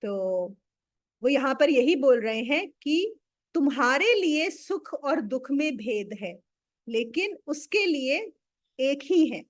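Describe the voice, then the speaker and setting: Female teacher, high-pitched, chatty and explanatory, walks listeners through a sacred text. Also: lively intonation, slow. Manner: explanatory, storytelling, mixes in English words. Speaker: spiritual teacher. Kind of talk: conversational scripture discourse.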